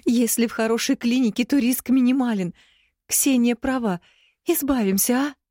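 A woman's voice: fairly high pitch, normal speed, dark tone, dry recording, voice pushed up, lightly acted. A timid, anxious middle-aged mother , as a woman reads her in an audiobook. She pleads in a raised, careful voice. The sound is close and dry.

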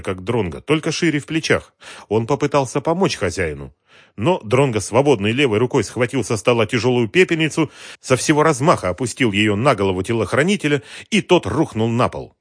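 Expressive male audiobook narrator. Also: on the low side, no room sound, studio quality.

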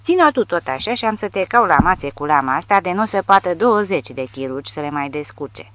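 A woman's voice: lowish voice, very animated, a bit bright, no echo. A woman voicing a menacing male soldier who grits out threats. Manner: gritting teeth, threatening.

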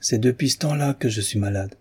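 A man reading the part of a gruff, dying old peasant confessing a crime he witnessed, in an audiobook. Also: medium pitch, a little fast.

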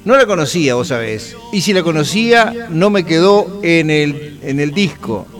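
Man, Uruguayan accent, middle-aged, radio host, rambling anecdotes, slightly high voice. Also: lively intonation, moderate pace, music in the background. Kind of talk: casual radio chat.

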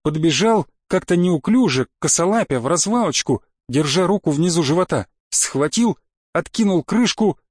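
A man narrating an audiobook with a measured, ironic storytelling manner. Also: fairly high pitch, animated, slightly rough, no room sound, clean studio sound.

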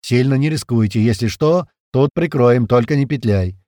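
A man voicing a gruff male squad commander who shouts orders over the radio. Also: medium pitch, normal speed, dry recording, studio quality, lightly acted. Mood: commanding.

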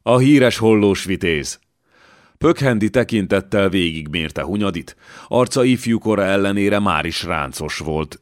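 Male narrator, deep low voice, dry close sound, measured dramatic reading. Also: dry recording. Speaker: audiobook narrator. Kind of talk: scripted narration.

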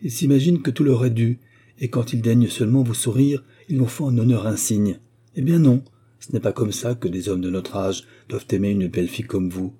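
A man's voice: medium pitch, fairly quick, dark tone, breathy edge, lightly acted. A man reading the part of a smug, married middle-aged notary who presses his suit with cajoling questions. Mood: wheedling.

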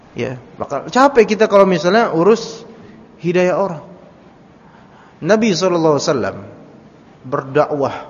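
A man, an Islamic teacher, giving a Quran commentary lecture in a chatty style and putting rhetorical questions to his listeners. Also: fairly high pitch. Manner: conversational, rhetorical questions to the audience. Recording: reverberant hall, dull lo-fi.

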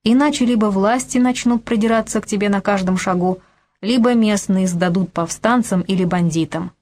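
Woman reading bossy financier guy, crisp, lecturing, always counting money. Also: mid-range voice, moderate pace, a little mellow, lightly acted. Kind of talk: audiobook character voice.

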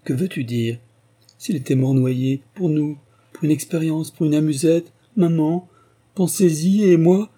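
A man's voice: fairly high pitch, unhurried, mellow, pitched above the performer's own voice. A man voicing an emotional young princess. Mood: tearful. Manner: emotional, bursts of tears and laughter. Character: young woman, tearful and joyful princess daughter.

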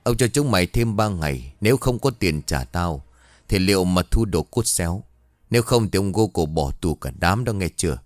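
A gruff henchman barking threats at beaten villagers, as a male storyteller puts him on. The voice sits deep and low, and it sounds dry and close in an audio ghost story. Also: expressive, moderate pace, no room sound. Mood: threatening. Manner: threatening, rough-spoken. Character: harsh male henchman of a village chief, menacing.

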